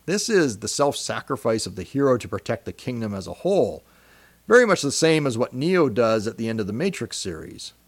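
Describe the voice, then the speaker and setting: A man hosting a podcast, giving a reflective, measured commentary in a scripted style. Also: mid-range voice, no echo. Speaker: podcast host.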